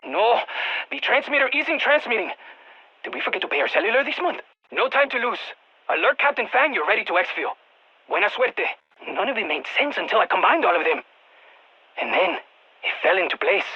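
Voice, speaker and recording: Voicing an excitable, anxious field research scientist for a video game, an actor talks over a radio, expressive and prone to stammering and repeating himself. Here he sounds brisk and focused, his mid-range voice slightly rough, with a muffled recording.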